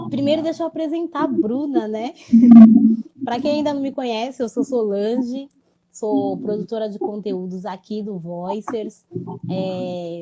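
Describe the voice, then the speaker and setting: A woman's voice: medium pitch, rough recording. A woman hosting an interview, speaking in a reflective, conversational way and often adding tag questions. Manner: reflective, warm-toned, with many tag questions. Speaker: host. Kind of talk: casual interview.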